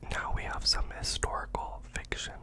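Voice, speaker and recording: Whispered role-play: deadpan librarian recommending books, fully breathy whisper, mock-earnest, slightly hesitant. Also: normal speed. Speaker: ASMR performer playing a librarian recommending books.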